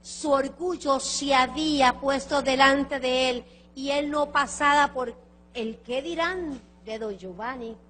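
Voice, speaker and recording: A woman's voice: high-pitched, a bit bright. A woman preacher telling a testimony as a sermon, fervent and emotional. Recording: long reverb of a large hall.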